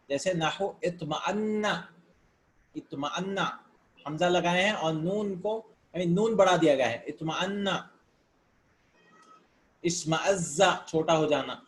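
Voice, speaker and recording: A man's voice: high-pitched, long pauses, a little hiss or hum. A man teaching Arabic grammar in a casual lesson, reading words aloud and explaining them in with English terms mixed in, sometimes thinking aloud.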